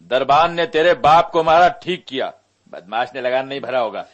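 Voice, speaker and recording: A man's voice: medium pitch, lively intonation, normal speed, dull audio, lightly acted. Guy doing a mean snobby landlord, sneering, bossing people around, radio drama. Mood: scornful. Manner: scornful, barking orders.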